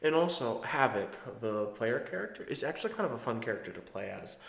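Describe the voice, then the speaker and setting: A man's voice: mid-range voice, big pitch swings, brisk, vocal fry, fairly bright tone. Conversational man in an echoey room. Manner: digressive, conversational. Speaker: video channel host. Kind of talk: casual, rambling retro game commentary. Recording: roomy, echoing sound.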